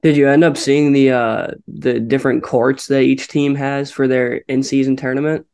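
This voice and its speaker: A man's voice: medium pitch, little pitch movement, normal speed, darkish tone, clear, resonant tone. A man co-hosting a sports podcast, talking casually with many fillers and restarts. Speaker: podcast co-host.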